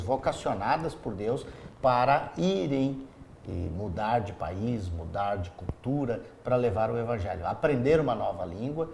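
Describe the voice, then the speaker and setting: A man hosts a church interview program. His mid-range voice has a gravelly texture, and he asks his questions in an easy, conversational way. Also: mid-range voice, darkish tone, slight background noise. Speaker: pastor, program host.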